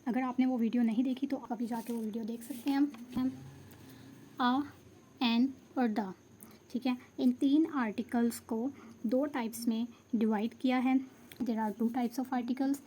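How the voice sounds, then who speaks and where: A woman's voice: a little high, steady tone, normal speed, mellow, a little hiss or hum. A woman teaching English grammar, explaining step by step in a patient way and stopping to check that students follow. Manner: patient, checks understanding, mixes Hindi and English. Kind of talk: explanatory lesson.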